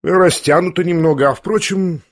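A man's voice: sits high, moderate pace, no echo, pitched above the performer's own voice. A feverish young invalid, shaky and bitter, throwing out challenges in a raised, strained voice, as a man reads him in an audiobook. The sound is close and dry. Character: feverish, trembling, defiant sick young man.

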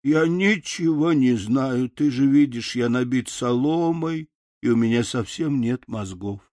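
Man playing a straw scarecrow, male, gentle, stammering, muddled words, dry close storybook audio. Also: mid-range voice, a little slow, dry recording, natural voice. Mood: sad. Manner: stumbles and mixes up his words. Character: bumbling straw scarecrow, male, kind and sad.

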